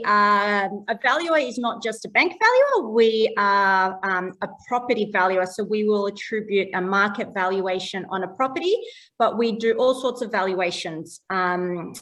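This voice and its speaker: Recorded far from the mic, an Australian woman in a casual interview talks about being a property valuer, keeping it simple and laughing a lot. She is chatty, with a medium-pitched, slightly bright voice.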